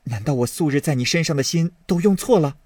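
An impulsive young nobleman, voiced by a man, pleads in a raised, eager voice that rushes ahead. The audiobook reading is slightly husky and dry, recorded close. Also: on the high side, expressive, darkish tone, no room sound, voice pushed up. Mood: eager pleading. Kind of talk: audiobook character voice.

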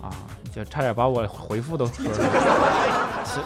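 A man's voice: medium pitch, fairly quick. A young man hosting a podcast, reading listener comments with teasing, self-mocking banter. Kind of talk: joking comment-reading chat. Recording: loud background music. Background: loud music.

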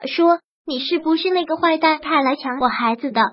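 A woman's voice: sits high, fairly quick, dry recording, dull audio, natural voice. A woman voicing a confused, childlike young woman who treats a puppet as her baby, in a storybook reading. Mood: suspicious.

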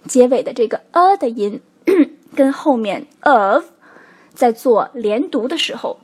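A woman whose first language is Chinese, teaching a spoken English lesson, explaining step by step and saying example phrases slowly. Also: on the high side, a little mellow, slightly rough.

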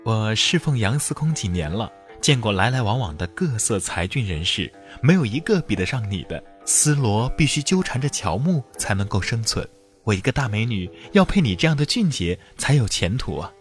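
A man's voice: on the low side, big pitch swings, normal speed, soft background music. A man voicing a graceful, bold young woman in a raised, sweet and earnest voice.

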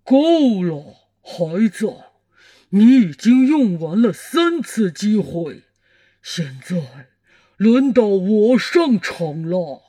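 A woman's voice: medium pitch, very animated, very slow, mellow, slightly rough, pitched below the performer's own voice, exaggerated voice. A woman voicing a big, bossy, growling male monster who lives under a child's bed, in a storybook reading. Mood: gruff.

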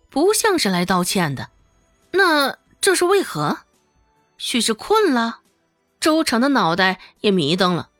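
A woman tells a serialized novel as an audiobook, with a fairly high voice that moves lively up and down. The sound is dry and close. Faint background music plays under her narration. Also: dry recording. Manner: lively storytelling, voicing every character.

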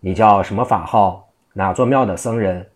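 A man's voice: lowish voice, normal speed, lightly acted. A man voicing a stern, hot-tempered middle-aged prefect giving commands. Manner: commanding, scolding.

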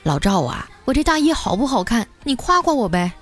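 A woman's voice: a little high, big pitch swings, brisk. A woman voicing a vain, fussy middle-aged mother who teases and complains, in a comic story podcast with music behind. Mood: coquettish.

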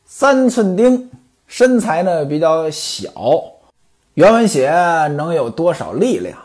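A man's voice: a little high, very animated, takes it slowly, a little mellow. A man narrating in the traditional storytelling style, with chatty asides to the listener and a playful, knowing tone.

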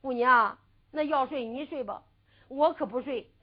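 A woman's voice: sits high, a little slow. A woman storyteller voicing a sly young man disguised as a maid, who mutters asides and stubbornly refuses in a whining tone. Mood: stubborn pleading. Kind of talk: traditional storytelling with sung ballad. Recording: lo-fi dull recording.

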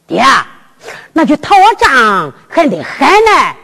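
A bewildered young prince who fumbles and stammers over his words in a Henan accent, as a woman storyteller plays him. The voice sits high and lively, ringing in a reverberant hall with music. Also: slow, full character voice.

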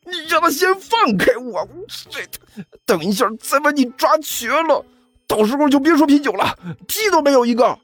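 A man voicing an exasperated young man who yells and panics in an audiobook. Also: very high-pitched, lively intonation, normal speed, dry recording, soft background music, voice pushed up. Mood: yelling in pain. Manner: yelling, panicked.

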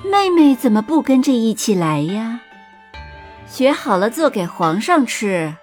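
A haughty young imperial consort, as a woman narrator puts her on, polite on the surface and mocking underneath. Her voice sits high and swoops with lively intonation. Soft music plays faintly behind her in this storybook reading. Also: unhurried. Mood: sweetly commanding. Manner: sweetly condescending, polite on the surface. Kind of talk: audiobook character voice.

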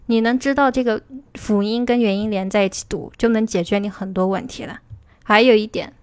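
A woman teaching English pronunciation in a livestream. She explains step by step, checks in with her listeners and slows down to model English words. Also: mid-range voice, fairly even intonation, clean tone, no echo. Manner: explanatory, asks "对吧" to check understanding. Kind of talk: livestream lesson.

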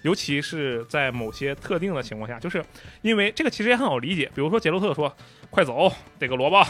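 Casting: quick, mid-pitched male co-host, precise and analytical, faint music bed. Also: sing-song, fairly bright tone. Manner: detailed, analytical, acts out line readings. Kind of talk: casual gaming chat.

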